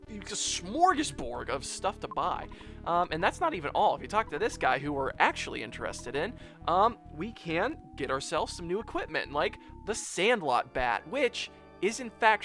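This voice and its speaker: A man's voice: a little high, a bit bright. A man giving casual, rambling let's play commentary on a video game, chatting to his viewers. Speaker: gameplay video host.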